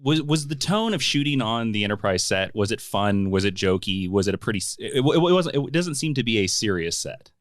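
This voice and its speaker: Quick talking guy host, kinda low voice, trips over his questions. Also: expressive. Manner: rambling, self-interrupting. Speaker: podcast host. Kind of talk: casual chat.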